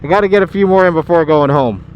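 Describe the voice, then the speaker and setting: A man's voice: fairly high pitch, fast talker, highs cut off. A man giving casual motovlog commentary as he rides, talking to himself in short clipped phrases, with wind on the mic. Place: outdoors, riding a motorcycle on the road. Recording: loud wind and motorcycle noise on mic.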